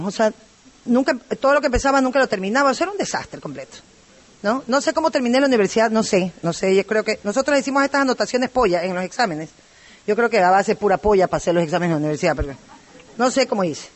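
Talking quickly in a fairly high voice, an Ecuadorian woman with an Ecuadorian Spanish accent tells a recovery group her own story. Her talk meanders, packed with side remarks and tag questions.

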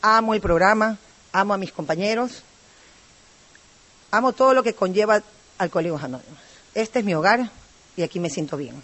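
A woman's voice: mid-range voice, animated, moderate pace, pauses often, a bit bright. A woman from Ecuador with an Ecuadorian accent, giving a talkative, rambling personal testimony at a recovery group meeting. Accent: Ecuadorian Spanish. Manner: talkative and rambling, with many asides.

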